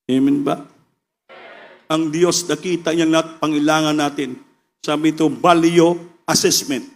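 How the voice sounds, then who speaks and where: A Filipino man delivers a fervent sermon in a notably high voice. He builds to loud, driving peaks and then falls back to softer, more intimate asides, weaving English phrases into his preaching. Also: fairly even intonation, measured pace, creaky. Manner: impassioned, swings between loud preaching and quieter asides, mixes English into Tagalog.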